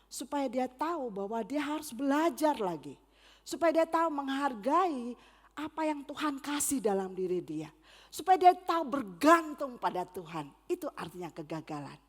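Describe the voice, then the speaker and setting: A middle-aged woman giving a church talk on parenting, speaking directly to the congregation in a lively way and acting out the people she quotes. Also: a little high. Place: church hall. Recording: church hall reverb.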